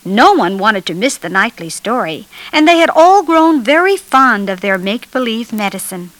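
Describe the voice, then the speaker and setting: A woman's voice: a little high, very animated, normal speed, a bit bright, no echo. A woman reading a children's storybook aloud as narrator, telling it expressively.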